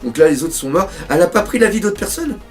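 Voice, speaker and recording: A man from France doing live reaction commentary on a manga chapter, excitable, swearing often and reading panels aloud. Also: sits high, fast, faint music behind.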